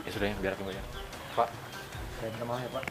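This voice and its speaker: An actor playing a poor, patient husband who drives a motorbike taxi, speaking gently and pleading, in a web drama. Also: male voice, lowish voice, steady tone, quick pace, close to an everyday voice. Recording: music playing underneath. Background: guitar music.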